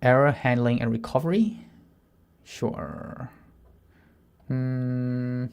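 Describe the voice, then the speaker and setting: His voice is mid-pitched and smooth, with some vocal fry. The Thai developer, in his 30s, codes on stream, reasoning aloud and reading plan text; he mumbles partly to himself, gets halting and restarts when nervous, and murmurs softly while reading.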